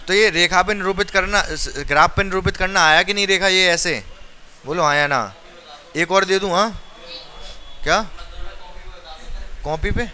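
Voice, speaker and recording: A man's voice: high-pitched, bright, forceful tone, a little hiss or hum. A male maths teacher teaching a class step by step, counting aloud and urging his students. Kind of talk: classroom lesson.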